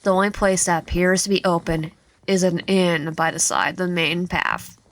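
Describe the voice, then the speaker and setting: A woman gaming host reads a visual novel aloud and adds commentary, frequently tripping over words. Her voice is lowish and her speed normal, recorded in an echoey room with faint music in the background.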